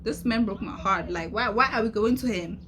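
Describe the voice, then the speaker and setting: A woman's voice: mid-range voice, brisk, fairly bright tone, a little hiss or hum. A young woman with a South African accent telling a casual storytime vlog, chatty and rambling, repeating herself and filling gaps with "da da da". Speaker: vlogger.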